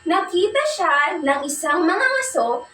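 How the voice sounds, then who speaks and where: A woman's voice: very high voice, big pitch swings, measured pace, a bit bright, a little hiss or hum. A young woman teaching a class in a sing-song way, praising and quizzing pupils as she reads a fable. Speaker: student teacher giving a demo lesson. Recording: echoey room, far from the mic.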